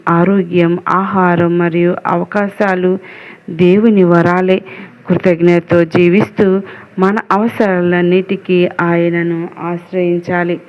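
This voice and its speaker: Slow, measured nun on a dull recording. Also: female voice, lowish voice. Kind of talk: devotional reflection and spoken prayer.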